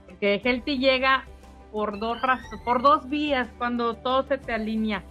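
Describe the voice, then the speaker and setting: A woman's voice: on the high side, steady tone, measured pace, bright, forceful tone. A middle-aged woman, a spa owner, telling a personal testimonial in an emotional, repetitive storytelling manner. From Mexico. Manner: emotional storytelling, repeats phrases. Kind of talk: casual testimonial interview. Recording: dull lo-fi sound with faint music.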